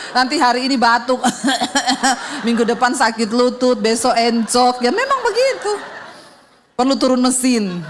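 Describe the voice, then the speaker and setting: A middle-aged woman pastor, telling a funny story in a sermon and acting out the sounds and voices in it. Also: on the high side. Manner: animated and humorous, acts out sounds and dialogue.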